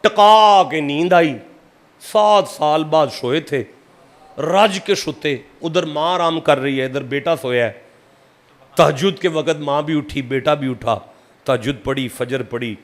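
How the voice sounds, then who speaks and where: A man from Pakistan, preaching a sermon and telling a story that swings from hushed tones to shouting. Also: on the high side.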